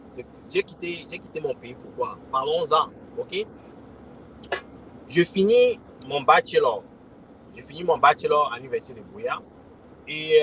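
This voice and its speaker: A man in his forties with a Cameroonian French accent, who works as a crypto consultant and community host, chats casually to followers on a livestream. The low-quality recording carries slight background noise, and his voice is medium-pitched with a fairly bright tone. He's repetitive, addresses the audience as "les gars", and frequently checks in with "ok?".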